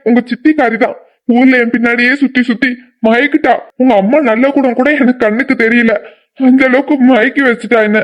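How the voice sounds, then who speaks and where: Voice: medium pitch, dull audio, natural voice. A voice actor playing a guilt-ridden cartoon father. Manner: lamenting, self-blaming, then angry. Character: remorseful middle-aged father, guilty and grieving. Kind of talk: dubbed cartoon drama.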